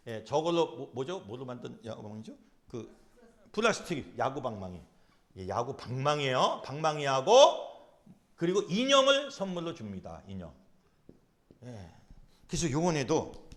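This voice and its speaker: A man, a pastor, giving an animated lecture to a class. He speaks emphatically, repeats his key phrases, and acts out quotes in character. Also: mid-range voice.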